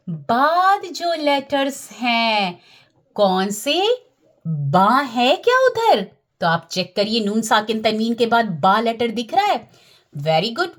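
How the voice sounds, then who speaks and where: Patient teacher woman, lively high voice. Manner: patient, repeats key terms and checks with "okay?"; slows down and draws out recited Arabic words. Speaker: Quran recitation teacher. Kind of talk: tajweed lesson.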